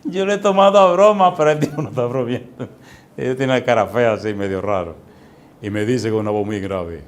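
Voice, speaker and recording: A male pastor, telling a story in a sermon with lively, folksy, chuckling asides to the congregation. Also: mid-range voice, fairly quick.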